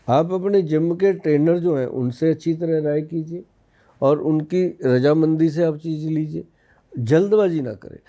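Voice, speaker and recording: A man's voice: on the high side, dark tone. A man from India in his fifties, an Ayurvedic expert on a podcast, explaining in a folksy way with personal anecdotes. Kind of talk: casual podcast interview.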